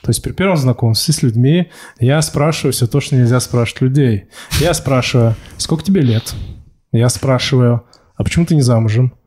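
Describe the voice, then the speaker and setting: A man's voice: mid-range voice, fairly quick, darkish tone. A man in his thirties hosting a casual podcast chat, self-ironic and rambling, with blunt questions and loose fillers. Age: 30s. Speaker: podcast host.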